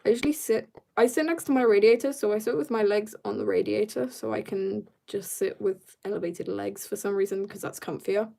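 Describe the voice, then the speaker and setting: A woman hosts a casual drawing stream, reading viewer comments and replying before trailing into soft mumbles to herself as she works; she says she's tired. She speaks at medium pitch, fairly quickly and with few pauses, her voice creaky.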